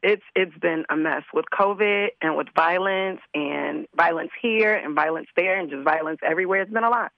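Hoarse woman with gravelly low-fi voice. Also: normal speed, hardly any pauses, no room sound, muffled recording. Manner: earnest, repeats words as she talks. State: hoarse, under the weather. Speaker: guest, community organizer. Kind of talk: casual interview talk.

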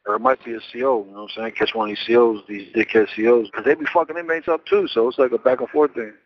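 Inmate, male, on a muffled payphone line; rapid, blunt, profane. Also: medium pitch. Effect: jail payphone call, phone line. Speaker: jail inmate. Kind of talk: phone conversation.

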